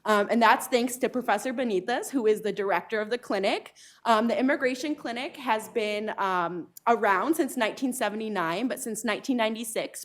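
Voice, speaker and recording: A woman law professor introducing herself at a panel event, speaking earnestly with frequent ums. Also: mid-range voice. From United States. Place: lecture hall event.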